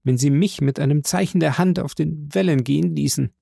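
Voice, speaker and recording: A man's voice: on the high side, brisk, vocal fry, dark tone, slightly rough, no echo, clean studio sound, pitched above the performer's own voice, exaggerated voice. A man voicing a grieving young male soldier, speaking with rising passion and pleading outbursts. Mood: impassioned.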